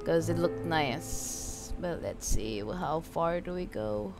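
A woman with a low voice plays a video game and chats casually, thinking out loud and often letting her thoughts trail off. She sounds animated but talks at a slow pace. Video game music plays behind her in this let's-play commentary.

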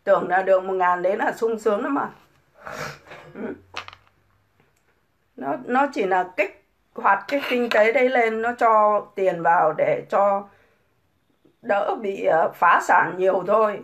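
A woman's voice: mid-range voice, measured pace, pauses often, muffled recording, slight background noise. A middle-aged woman ranting scornfully on a casual livestream, full of mocking rhetorical questions. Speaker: livestream host.

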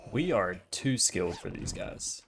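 Male gamer, low register, chatty self-mocking play-by-play, faint background noise. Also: big pitch swings, unhurried. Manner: chatty, self-mocking, talks to himself while looting. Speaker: gamer playing a survival game. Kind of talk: casual gameplay commentary.

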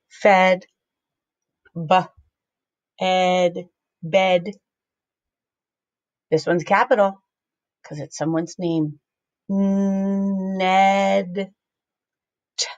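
A woman teacher talks young children through a morning lesson in a slow, sing-song, encouraging way. Her voice has a gravelly edge, and the sound is dry and a little dull, like a simple home recording. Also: mid-range voice, dry recording.

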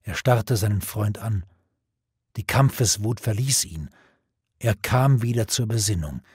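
Husky male audiobook narrator. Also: on the low side, a little mellow, dry recording, clean studio sound. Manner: measured, dramatic storytelling.

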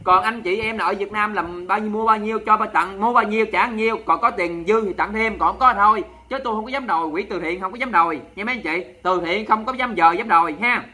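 Sassy fast-talking Southern Vietnamese man. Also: high-pitched, bright, forceful tone. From Mekong Delta, Vietnam. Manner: sassy, dramatic, scolding viewers in jest. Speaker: livestream host. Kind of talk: charity livestream chat.

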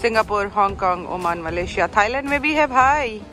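A woman narrating a casual food vlog in a slow, deliberate way, reading menu items aloud. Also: mid-range voice, animated, sharp tone, faint music behind. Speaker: food vlogger.

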